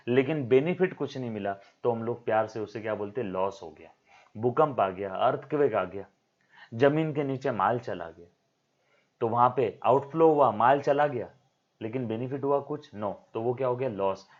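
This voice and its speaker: Man teaching accounting. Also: medium pitch. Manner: explains by repeating key terms, asks rhetorical questions; talks to students as to his own children. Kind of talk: recorded classroom lecture. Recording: dull lo-fi lecture recording.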